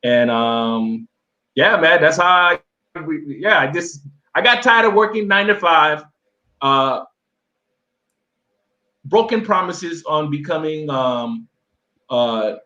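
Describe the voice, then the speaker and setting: A man's voice: a little high, expressive, takes it slowly, long pauses, pushed and bright, muffled recording. A man from Miami, interviewed as a guest, telling his story in a loose, rambling way with many fillers and restarts. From Miami, USA. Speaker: interview guest, travel YouTuber. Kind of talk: casual conversational storytelling.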